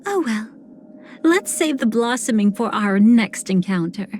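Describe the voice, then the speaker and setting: An actress playing a seductive, sinister woman cremator in a video game, speaking in a languid, theatrical way with breathy, whispered phrase endings. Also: a little high, lively intonation, measured pace, a little mellow, a little hiss or hum. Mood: wistful teasing. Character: seductive, sinister woman cremator who savors betrayal and decay. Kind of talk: video game character voice lines.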